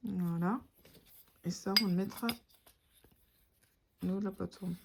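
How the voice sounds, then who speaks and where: A woman's voice: lowish voice, steady tone, normal speed, creaky, background noise. A woman doing a casual product review, thinking aloud and often restarting her sentences. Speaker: tech reviewer.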